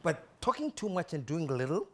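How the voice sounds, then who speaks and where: A male talk show host who reacts to his guests with frequent exclamations and affirmations. His voice sits a little high for a man. He keeps the interview casual. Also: big pitch swings, fairly quick, crowd noise.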